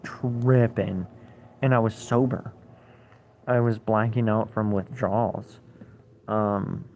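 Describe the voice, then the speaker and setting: A man's voice: fairly low pitch, a little mellow, a little hiss or hum. A young man telling a rambling, profane story in a casual way, full of fillers.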